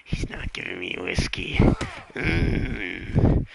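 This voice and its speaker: A man doing a gravelly whiskey-mad zombie cowboy. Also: mid-range voice, sing-song, very slow, exaggerated voice. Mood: desperate. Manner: broken third-person speech, pleading and repetitive. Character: whiskey-craving undead male cowboy zombie. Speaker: streamer. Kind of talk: in-character game role-play. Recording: loud game noise behind.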